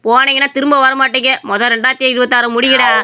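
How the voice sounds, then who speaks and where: A scornful village priest, voiced by a woman, rattles off mockery at high speed. The voice sits high and bright for a man in a cartoon story, with faint hiss behind it. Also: level tone, clear, resonant tone. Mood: mocking. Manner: rapid, mocking.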